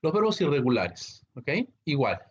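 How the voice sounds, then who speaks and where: This teacher's mid-range voice is sing-song and slightly rough, moving at a moderate pace over dull audio. He leads an online English grammar class, breaking things down step by step and checking in with students after nearly every line.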